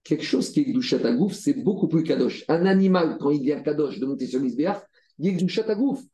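A man leads a Talmud study lesson. His voice sits a little high and sounds mellow, and he works through the text step by step with repeated phrases and rhetorical questions. The sound carries a noticeable room echo. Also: animated, brisk. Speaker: Talmud teacher. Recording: roomy echo.

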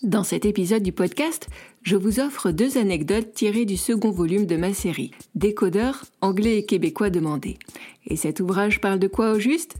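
A woman hosting her own podcast, introducing stories she has written. She speaks in a calm, measured way. Her tone is mellow and darker than most. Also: mid-range voice. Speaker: podcast host and author. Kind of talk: podcast story reading.

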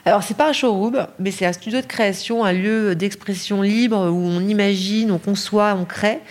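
A woman's voice: medium pitch, normal speed, darkish tone. A middle-aged woman from Paris, a designer answering podcast interview questions with many fillers and restarts. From Paris, France. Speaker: lighting designer, guest.

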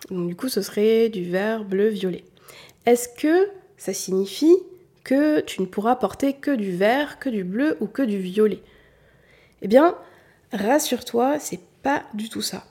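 A woman's voice: mid-range voice, dark tone, husky. A woman from southern France giving an informal lesson on colors, talking straight to the listener in a chatty way. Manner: chatty, addresses the listener directly. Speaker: color analysis teacher.

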